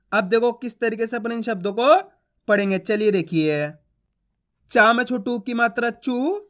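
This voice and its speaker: A man teaching reading in an online lesson, drilling sounds slowly and asking the viewer questions. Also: high-pitched, fairly bright tone.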